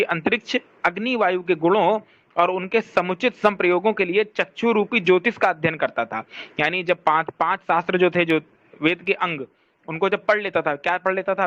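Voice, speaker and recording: Male lecturer, high voice, reads a text aloud and explains it, answers his own questions, dry close sound. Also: a bit bright, no room sound, lo-fi sound. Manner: speaks to someone scrolling a shared document. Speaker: teacher of Vedic studies.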